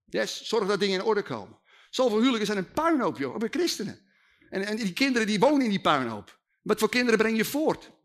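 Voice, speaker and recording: A man from the Netherlands, preaching a comic storytelling sermon, animated and jokey. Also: high voice, fast. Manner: animated, jokey, acting out voices.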